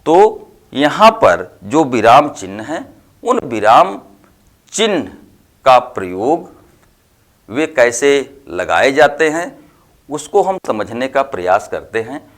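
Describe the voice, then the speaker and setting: A man teaching grammar in a lesson, explaining slowly and deliberately with worked examples. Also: mid-range voice, big pitch swings. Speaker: Hindi teacher. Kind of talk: classroom-style lesson.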